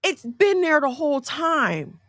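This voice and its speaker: Bright-voiced woman in her forties. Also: high voice, unhurried, dry recording. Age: 40s. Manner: conversational, folksy, animated storytelling with asides. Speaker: faith talk host. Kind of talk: casual faith talk.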